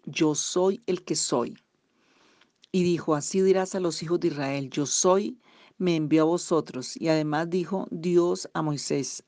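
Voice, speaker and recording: A woman giving a recorded Bible teaching, reading scripture aloud slowly and deliberately with pauses and small hesitations. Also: low voice, a little mellow, no echo.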